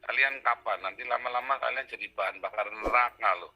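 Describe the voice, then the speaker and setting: A man's voice: medium pitch, a little fast, poor audio. A man hosting a live video call, agreeing with enthusiasm and urging his listeners on.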